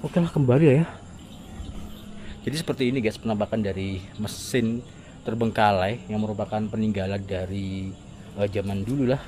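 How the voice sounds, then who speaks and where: A man with an Indonesian accent doing a casual, halting exploration vlog outdoors at night, talking to his viewers in murmured asides and exclamations. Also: lowish voice, dark tone. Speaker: vlogger exploring an abandoned site at night. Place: outdoors in overgrown wooded area at night. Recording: outdoor night noise, insects.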